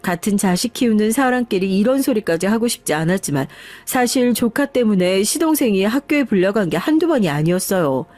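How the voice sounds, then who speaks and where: Woman calmly narrating a personal story. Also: medium pitch, brisk, few pauses, no room sound. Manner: calm, confiding, aggrieved retelling. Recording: faint background music.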